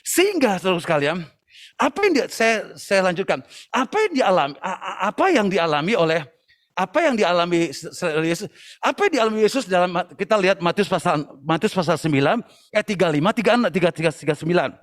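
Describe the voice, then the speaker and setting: A man preaching a passionate sermon to young people at an online church service, at times shouting and dropping English phrases into his talk. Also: sits high, very animated, a little fast. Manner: addresses listeners as brothers and sisters.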